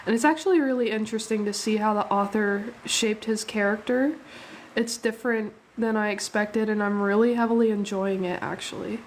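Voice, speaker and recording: A young woman hosts a live art stream, chatting casually as she draws, thanking viewers and laughing easily. Her mid-range voice is steady and moderately paced, a little sniffly from a cold. The recording is rough, with slight background noise.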